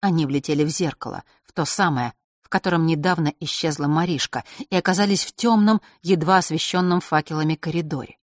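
A woman reading a fantasy novel aloud in a steady, expressive way. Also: low-pitched, brisk, hardly any pauses, no room sound, clean studio sound. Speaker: audiobook narrator. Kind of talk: scripted fantasy narration.

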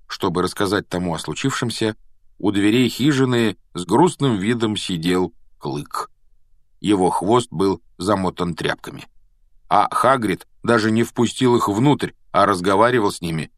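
Low-voiced man reading a storybook. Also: animated, normal speed, no echo, clean studio sound. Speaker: audiobook reader. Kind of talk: storybook narration.

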